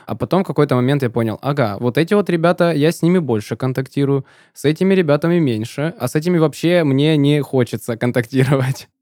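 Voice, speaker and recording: A man's voice: medium pitch, fast talker, hardly any pauses, darkish tone, no echo. A twenty-one-year-old man co-hosting a casual studio podcast, earnest and thinking aloud. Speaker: podcast co-host.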